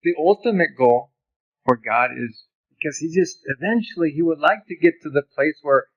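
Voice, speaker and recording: A man's voice: fairly high pitch, lively intonation, normal speed, highs cut off. A man who grew up in Honduras, teaching about ministry in a conversational lecture over slides, with personal stories.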